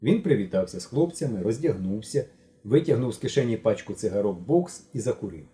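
Man, audiobook narration, expressive storytelling, very dark tone, lively intonation. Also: lowish voice, fairly quick. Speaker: audiobook reader. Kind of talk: scripted narration.

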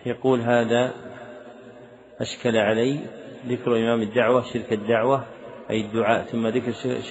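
A man teaching a religious text, reading out written questions from students and answering them briefly and firmly. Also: lowish voice. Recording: dull lo-fi lecture recording.

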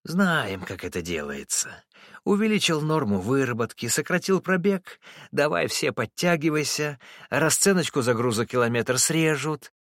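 A man doing a sly, shrill, wheedling driver. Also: very animated, normal speed, fairly bright tone, no room sound, studio quality. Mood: needling. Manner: sneering, needling, pitched high. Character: sly, wheedling male driver, spiteful, shrill when crossed.

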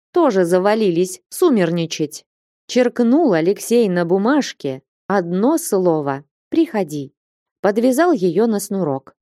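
A woman narrating classic prose as an audiobook, measured and expressive. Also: mid-range voice, dry recording, clean studio sound.

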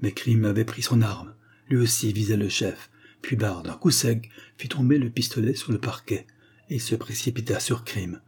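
A man narrating an audiobook spy novel in a steady, dramatic storytelling manner. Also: on the low side, moderate pace, vocal fry, breathy edge.

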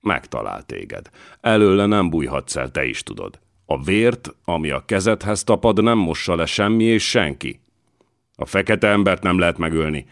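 A man's voice: sits low, no echo, studio quality, pitched above the performer's own voice. A man voicing a sly, scheming aging voivode with an insinuating manner in an audiobook.

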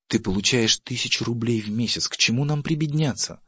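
A man's voice: mid-range voice, fairly quick, fairly bright tone, breathy edge, no echo. A man voicing an exasperated, indignant wife who pleads and argues with her stingy husband. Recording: dull, dry audiobook recording.

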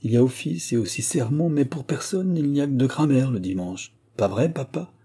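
A man voicing a quick-witted, mischievous young princess who teases her family playfully. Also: mid-range voice, lively intonation, mellow, slightly rough, voice pushed up. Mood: teasing. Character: teasing, chattering young princess girl.

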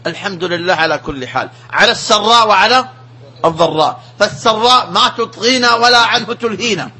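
A man giving a religious lesson as a sheikh, preaching in an emphatic, animated way. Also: sits high, husky.

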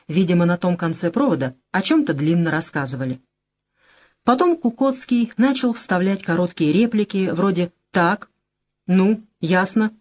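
A woman narrating an audiobook in an expressive reading style. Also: lowish voice. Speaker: audiobook reader. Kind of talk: scripted narration.

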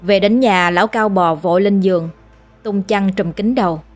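A woman telling a horror story in a steady, dramatic storytelling manner. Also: medium pitch, normal speed. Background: faint music.

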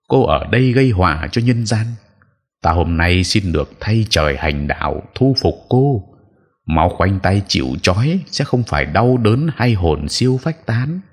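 A man voicing a stern old male exorcist who gives formal commands in a low voice. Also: slightly rough, full character voice.

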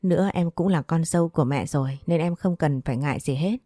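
A woman reading the lines of a gentle, devoted young husband in an audio story, speaking tenderly. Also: sits low, brisk, no room sound, studio quality. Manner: tender, earnest.

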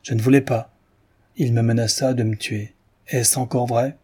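A man's voice: mid-range voice, fairly even intonation, normal speed, dark tone, slightly rough, natural voice. A man reading aloud voices a guilty coachman who defends himself and pleads with his mistress. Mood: pleading. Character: guilty male coachman, fearful then defiant.

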